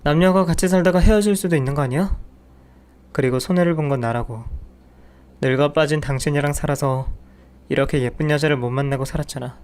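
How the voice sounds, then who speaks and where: A man's voice: on the high side, a little fast, darkish tone, clean tone, lightly acted. A man voicing a cold, contemptuous husband who insults and dismisses his wife. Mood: dismissive. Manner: scornful, dismissive.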